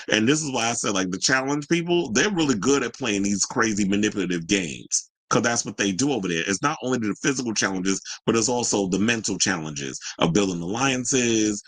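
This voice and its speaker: A man's voice: on the low side, a bit bright, dry recording, poor audio. A man giving casual reaction commentary in a colloquial way, retelling what people said and acting out their quotes. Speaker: commentator recapping a reality show and reading viewer reactions.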